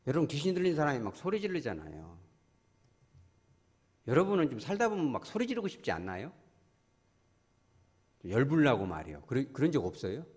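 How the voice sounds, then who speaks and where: Man preaching, pastor, husky voice, lively rising and falling pitch, long church-hall echo. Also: fairly quick, long pauses. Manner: animated, asks the congregation questions. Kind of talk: sermon. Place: church sanctuary.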